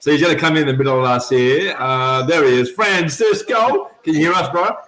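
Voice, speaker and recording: A man's voice: a little high, fairly quick, a bit bright, low-quality recording. A man hosting a casual video call chat, playful and teasing with his guests. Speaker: host.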